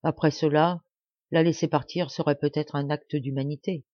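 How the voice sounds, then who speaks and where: A woman reader voicing a sober male lawyer who speaks in a hushed, measured way. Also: low-pitched, fairly even intonation, no room sound, muffled recording, lightly acted. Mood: grave.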